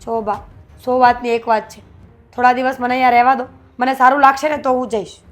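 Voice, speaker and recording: An actress playing a young married daughter who speaks in a subdued, bitter tone. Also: female voice, a little high, fairly even intonation, a little fast, lightly acted. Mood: weary. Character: young wife, weary and resentful. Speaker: married daughter staying at her mother's home. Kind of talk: short film acting. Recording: faint background music. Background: faint music.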